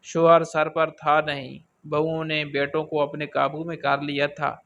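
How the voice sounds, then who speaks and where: A man narrates a scripted story in a steady, even manner. His voice sits fairly high for a man. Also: vocal fry, lo-fi sound, slight background noise.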